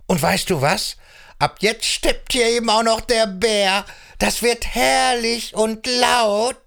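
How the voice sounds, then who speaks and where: A man's voice: sits high, slow pace, vocal fry, fairly bright tone, pitched above the performer's own voice, heavily acted. A man voicing a cheerful, playful little frog in a children's audio story. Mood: eager.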